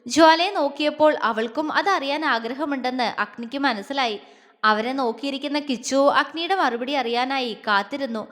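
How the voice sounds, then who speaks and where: High-voiced woman narrating an audio story. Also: moderate pace, fairly bright tone, in a large hall.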